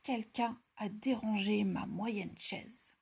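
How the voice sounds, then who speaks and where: A woman's voice: mid-range voice, slow pace, creaky, slightly rough, exaggerated voice. A woman voicing an indignant middle-sized bear in a storybook tale.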